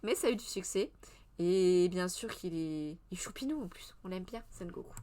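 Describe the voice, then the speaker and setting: Une femme d'une trentaine d'années anime une revue de presse culturelle en direct, sur un ton décontracté et bavard. Elle hésite souvent, se reprend en cours de phrase et répond aux messages du chat au fil de la conversation. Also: female voice, lowish voice, lively intonation, moderate pace, dark tone, slight background noise. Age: 30s. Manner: chatty and meandering, with many hesitations and self-corrections; answers the live chat as she goes. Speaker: streamer hosting a culture press review. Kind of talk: casual live press review.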